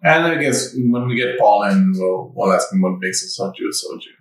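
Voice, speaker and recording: A man's voice: fairly low pitch, animated. Rambling man co-hosting a podcast. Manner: rambling, halting restarts. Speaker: podcast co-host. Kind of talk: casual chat. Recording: echoey room.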